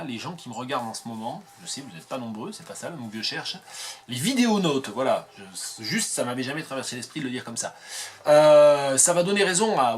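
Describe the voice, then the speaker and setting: A man with a southwestern French Landes accent talks to camera without a script, at a middling pitch for a man. He thinks out loud and wanders off on side paths. He pokes fun at himself as he goes. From southern Landes, France. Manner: digressive, self-mocking, thinking aloud. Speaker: academic video blogger. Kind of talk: improvised talk to camera.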